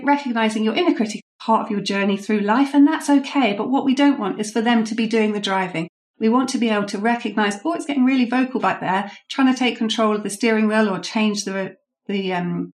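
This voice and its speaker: Woman coaching, explanatory and anecdotal. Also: medium pitch. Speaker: guest, leadership coach. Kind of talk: podcast interview answers.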